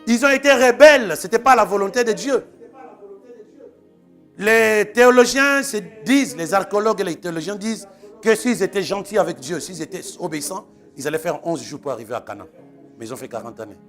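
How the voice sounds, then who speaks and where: A male pastor preaching a sermon, animated and quick to act out the voices of the people he quotes. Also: high-pitched, soft background music.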